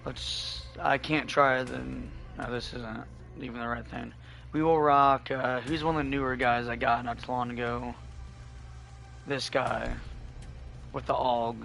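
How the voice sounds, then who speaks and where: Hoarse man streaming a game. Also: mid-range voice, measured pace, faint music behind. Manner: relaxed, thinking aloud while playing. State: hoarse, losing his voice. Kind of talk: casual gameplay commentary.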